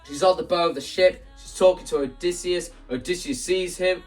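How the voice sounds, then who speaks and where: A content creator with a high-sitting voice talks at a moderate pace in an animated vlog, explaining how a musical gets staged. He rambles, acting out scenes and quoting lines as he goes. The mic is distant, with faint music in the background.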